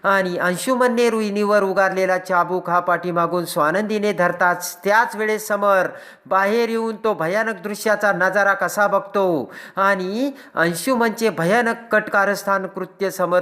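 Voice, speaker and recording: A man recounts a drama serial's plot as a recap narrator. His voice sits a little high for a man. He presses on through the scenes, stumbling and restarting as he goes. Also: pushed and bright. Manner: rapid narration with frequent restarts and filler "now".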